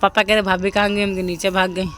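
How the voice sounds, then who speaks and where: A woman's voice: mid-range voice, little pitch movement, fast, a little hiss or hum. A young woman narrating her home video in a chatty voice-over, often pleading with viewers to comment. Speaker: family vlogger.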